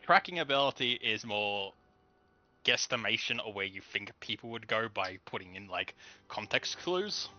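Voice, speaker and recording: A man running a tabletop game as game master, explaining rules in a relaxed way with fillers. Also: on the low side, normal speed. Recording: dull lo-fi voice chat with faint music.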